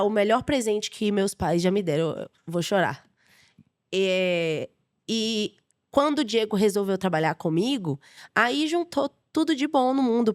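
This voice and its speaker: A young adult Brazilian woman with a Brazilian Portuguese accent, a guest chef telling lively, emotional stories in a casual podcast interview. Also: medium pitch. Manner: lively, emotional storyteller, laughs often.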